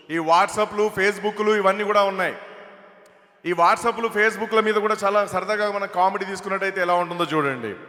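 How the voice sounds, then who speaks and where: A man's voice: high voice, sharp tone. A man doing stand-up comedy on stage, telling chatty jokes at a mic. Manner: chatty storytelling. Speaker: comedian and mimicry artist. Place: stage in a hall. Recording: echoey hall over stage PA.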